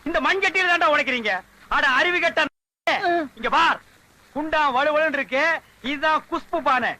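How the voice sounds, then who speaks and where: An actor playing a boastful village potter who rattles off fast sales talk about his pots. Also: very high-pitched, pushed and bright, no room sound, exaggerated voice, poor audio. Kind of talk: film dialogue.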